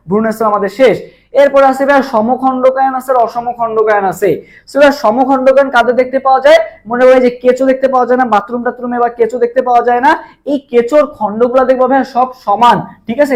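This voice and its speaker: A man's voice: very high-pitched, a little mellow. A man teaching a live online exam-prep class, who asks questions, answers them himself and repeats key terms again and again. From Bangladesh.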